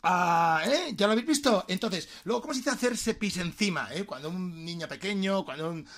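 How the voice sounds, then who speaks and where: Man, language teacher, casual lesson, playful, high voice, spells words out. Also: lively intonation, a little fast, a bit bright. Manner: playful, switches between Spanish and English, spells words out. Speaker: English teacher.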